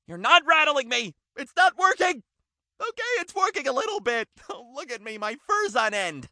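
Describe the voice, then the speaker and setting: A man voicing an excitable male dog who hosts a bird show, hammy and quick to lose his temper. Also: extremely high pitch, no room sound, clean studio sound, heavily acted. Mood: sheepish. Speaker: show host. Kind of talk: cartoon voice acting.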